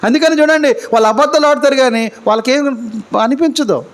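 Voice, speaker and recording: High pitched guy preaching a sermon, keeps asking the crowd questions, goes loud then quiet. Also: fairly quick. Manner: asks the congregation repeated rhetorical questions; swings between loud high emphasis and low quiet lines. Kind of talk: live church sermon.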